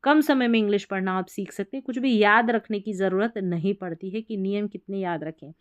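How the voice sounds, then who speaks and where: A woman teacher works through English spelling patterns in Hindi, her voice smooth and clear at an ordinary middle pitch. She is patient and methodical, sounding out each example slowly and repeating it. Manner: patient, repeats words slowly to model pronunciation. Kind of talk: explaining spelling rules.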